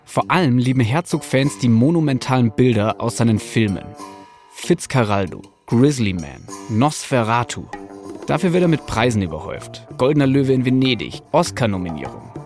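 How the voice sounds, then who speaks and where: A male podcast narrator with an animated, swooping delivery and a mid-range voice. He reads a script but keeps it informal, dropping in slang and English loanwords. Soft music plays behind him. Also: mid-range voice, moderate pace. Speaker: podcast host, journalist.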